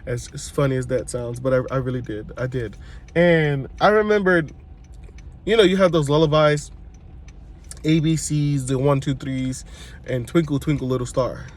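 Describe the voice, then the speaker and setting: A man's voice: mid-range voice, moderate pace. A man from Brooklyn, a church worship singer telling personal stories in a chatty way. He is congested, often corrects himself and speaks straight to his viewers. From Brooklyn, New York. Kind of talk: casual personal storytelling to camera.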